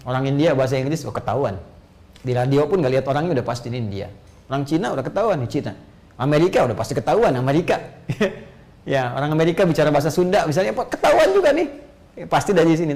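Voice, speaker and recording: An Indonesian preacher delivers a motivational lecture, his voice gravelly with a middle pitch. He talks in an animated way, climbing to high emphatic peaks and tossing in playful asides.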